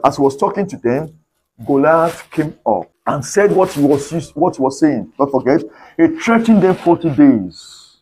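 Husky pastor guy preaching, keeps repeating his points, kinda high voice. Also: darkish tone, poor audio. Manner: repetitive, emphatic preaching. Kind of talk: sermon.

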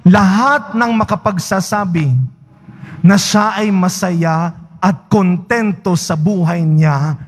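High-voiced priest giving a homily. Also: male voice, slow pace. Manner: conversational, asks the congregation questions. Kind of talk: homily at Mass. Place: large church.

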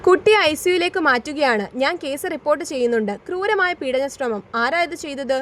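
A woman reading as a brisk male doctor. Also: sits high, animated, a bit bright.

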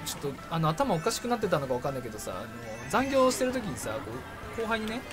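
A young man hosting his own racing game videos, joking and cheering through animated play-by-play commentary. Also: sits high, fast. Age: young adult. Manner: animated, jokey, bursts of cheering and impressions. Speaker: gaming channel host. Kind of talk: excited gameplay commentary. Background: background music.

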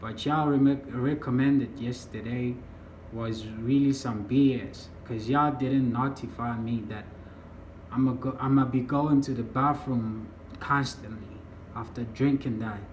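A young man from the United States talking casually to a phone camera in a vlog, slow and drawling, often trailing off. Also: medium pitch, steady tone, muffled recording. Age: young adult. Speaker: vlogger. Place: small room indoors. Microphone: phone camera at arm's length. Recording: roomy phone recording, faint hiss.

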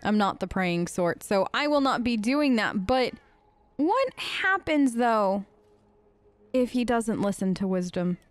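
A woman hosts a let's play, casually role-playing as an elf character in a video game with chatty, earnest, informal improvised commentary. Her voice is a little high and sing-song, a bit slow, with no room sound.

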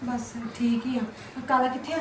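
A woman's voice: high voice, steady tone, normal speed, noisy background, lightly acted. A woman playing a worried, insistent visiting relative with a Punjabi accent. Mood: concerned. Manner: insistent, concerned questioning. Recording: echoey room, mic far off.

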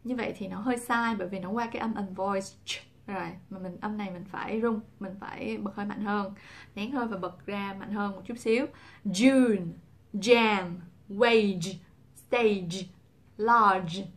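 A young woman talks casually to camera as a pronunciation teacher, at a middle pitch. She slows down to model each sound and repeats the example words so they are easy to copy. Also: steady tone. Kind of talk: casual instructional talk to camera.

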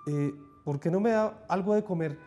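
A man voicing a tiny, cunning male piglet who pleads and wheedles in a squeaky voice. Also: moderate pace, mellow, faint music behind, lightly acted. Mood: wheedling.

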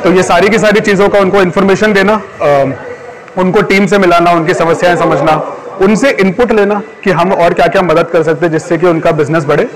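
This is a young man being interviewed at an indoor event in front of a banner. He hesitates often with ums and fills his speech with English business words. His voice sits a little high for a man, and it is recorded close up. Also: fairly even intonation, brisk, low-quality recording. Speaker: company representative. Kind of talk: on-camera interview.

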